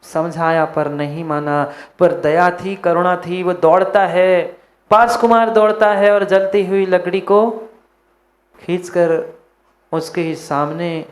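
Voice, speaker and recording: A man, a monk, preaching a sermon, repeating his phrases for emphasis and speaking straight to his listeners. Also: a little high.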